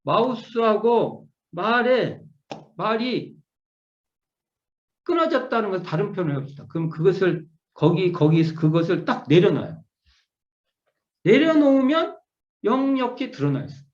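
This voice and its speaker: Man, middle-aged, minister, scripture lecture, lively pitch, repeats words and restarts, dull lo-fi sound. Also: a little slow, pauses often. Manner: repeats key words, hesitant restarts, musing explanations. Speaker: Won Buddhist minister teaching scripture. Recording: echoey room, dull lo-fi sound.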